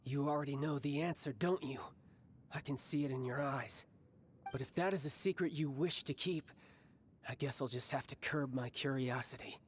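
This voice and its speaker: A man's voice: medium pitch, normal speed, a little hiss or hum, close to an everyday voice. An actor voicing a cocky, battle-hungry young male villain in a video game, with a taunting, mock-polite, theatrical delivery. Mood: composed, amused. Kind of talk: scripted video game voice acting.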